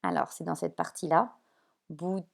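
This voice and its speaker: A woman teacher explaining spelling sounds at a whiteboard, slow and patient, checking often that her pupils follow. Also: medium pitch, expressive. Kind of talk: remote classroom lesson at a whiteboard.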